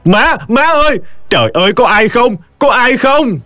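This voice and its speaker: A man's voice: medium pitch, expressive, normal speed, lightly acted. A man voicing a scheming young son-in-law who sweet-talks, in a storytelling audiobook, over faint music. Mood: frantic.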